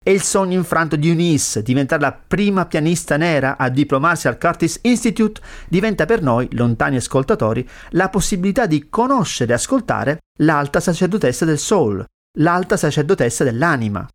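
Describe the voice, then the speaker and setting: A man hosting a radio show, narrating in an expressive storytelling manner. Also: a little high, a little fast. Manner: expressive storytelling, dramatic reading of lyrics. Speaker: radio host.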